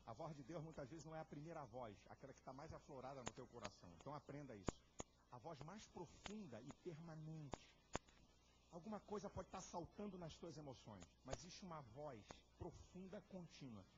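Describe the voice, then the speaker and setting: A Brazilian pastor preaching with fire, his voice leaping from roaring shouts down to quiet, personal asides. His pitch sits a little high and moves a lot. The sound is dull and lo-fi with steady noise behind it. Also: brisk. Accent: Brazilian Portuguese. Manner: fiery preaching, swinging from shouts to low confiding talk. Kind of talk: sermon. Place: large church hall.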